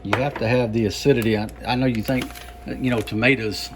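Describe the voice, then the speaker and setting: A man giving a casual home cooking demonstration, explaining things in a halting, unhurried, folksy way. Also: medium pitch, fairly even intonation, noisy background. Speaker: home cook presenting a recipe.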